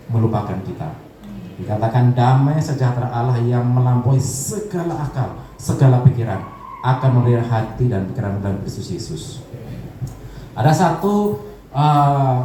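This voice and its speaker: A male pastor preaching a lively sermon, calling for amens and mixing in English words. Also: fairly high pitch, a little hiss or hum. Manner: lively, calls for amens, acts out prayers, drops in English words. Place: church service hall. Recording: echoey hall, distant mic.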